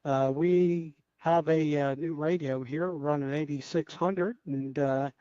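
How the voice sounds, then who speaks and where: A man checking in on an amateur radio net in a relaxed, casual way with many fillers, heard over a ham radio link. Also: fairly high pitch, slow, dry recording. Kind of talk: casual on-air radio chat. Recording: lo-fi radio transmission, dull.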